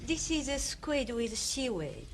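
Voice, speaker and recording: A woman's voice: on the high side, sing-song, a little slow, gravelly, noisy background. Polite woman giving short answers. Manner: brief, polite replies. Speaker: guest cook.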